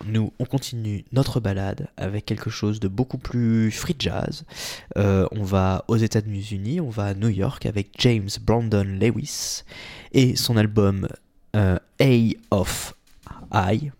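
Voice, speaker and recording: Hesitant, low-voiced male radio host. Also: measured pace, darkish tone. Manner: hesitant, full of fillers and self-corrections. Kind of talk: casual radio presenting. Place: radio studio.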